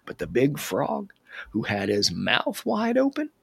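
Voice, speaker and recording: A man telling an animal tale aloud, expressive and slipping into whispers for suspense. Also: medium pitch, a little slow, no echo. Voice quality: husky. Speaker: storyteller. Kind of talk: animated oral storytelling.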